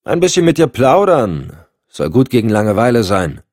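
A man's voice: mid-range voice, big pitch swings, moderate pace, darkish tone, dry recording, pitched above the performer's own voice. A man voicing a cool dry special agent. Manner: curt, matter-of-fact.

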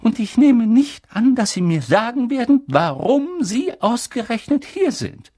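A reader voicing a stern older female professor, speaking high, strained and urgent in an audiobook. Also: big pitch swings, a little slow, warm tone, breathy edge. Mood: indignant. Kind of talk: audiobook character reading.

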